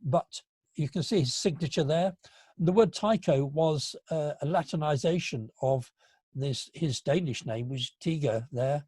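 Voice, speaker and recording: A man in his seventies giving an illustrated lecture to an astronomy club, halting and full of fillers, with a dry, gentle humour. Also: fairly high pitch, slightly rough, no echo. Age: 70s. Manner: halting, with frequent fillers and restarts. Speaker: guest speaker at an astronomy club.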